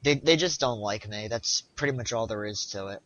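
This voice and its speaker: A young man chatting casually while streaming a speedrun, halting and repeating himself as he talks. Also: on the low side, a bit bright. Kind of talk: casual live-stream chat. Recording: lo-fi stream audio.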